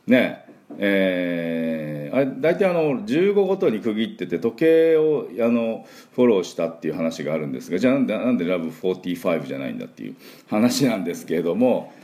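A middle-aged male English teacher with a low voice that jumps around in lively swings. He wanders off on chatty side notes, then drills words for listeners to say after him. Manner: chatty, digressive, drills phrases for listeners to repeat. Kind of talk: spoken English pronunciation lesson.

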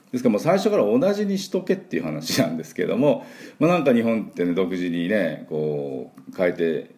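Deep-voiced chatty male English teacher. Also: warm tone. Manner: chatty, digressive, drills phrases for listeners to repeat. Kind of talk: spoken English pronunciation lesson.

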